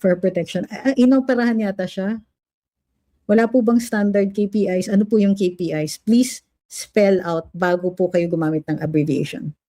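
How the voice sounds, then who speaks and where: A woman's voice: mid-range voice, moderate pace, warm tone. Filipino woman hosting a casual livestream. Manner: switches between Filipino and English, coos at her dog. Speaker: livestream host reading viewer comments. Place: home room with a fan.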